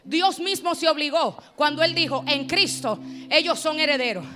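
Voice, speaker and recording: A woman pastor, preaching a Pentecostal sermon that swings from hushed, close talk to shouted, chanting crescendos. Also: high voice, expressive, normal speed. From Dominican Republic. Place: church congress. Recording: music playing behind.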